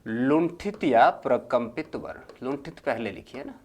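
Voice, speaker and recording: A man teaching a grammar lesson, slowly dictating notes and repeating each phrase for students to copy, then explaining more loudly. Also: mid-range voice. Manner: swings between loud explaining and quiet dictating.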